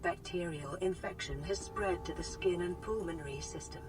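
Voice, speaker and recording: A woman voicing a calm suit computer assistant in a game, with a gentle synthetic care-robot sound, speaking in a measured, clinical way. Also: on the low side. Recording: game audio with clear music behind.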